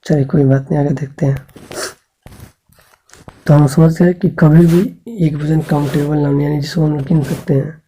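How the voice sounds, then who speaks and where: A man's voice: fairly high pitch, steady tone, normal speed, long pauses, dark tone, a little hiss or hum, rough recording. A man teaching an English grammar lesson to school students. He patiently spells out sounds, keeps checking in with the class, and asks questions that he then answers himself.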